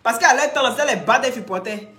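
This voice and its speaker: A woman with a head cold, ranting loudly on a live stream, teasing and scolding. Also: a little high, lively intonation, brisk, echoey room. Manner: talks loudly, teasing and scolding, often laughing. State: head cold, blocked ears. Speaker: live streamer and gossip commentator. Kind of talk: casual live-stream rant.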